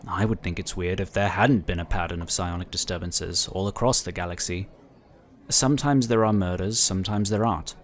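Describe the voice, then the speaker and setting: Lightly acted, the role is a composed inquisitor from a psionic order in a science-fiction audio drama. The man's voice is fairly low, and he explains things formally, politely and with measured care, keeping a matter-of-fact tone.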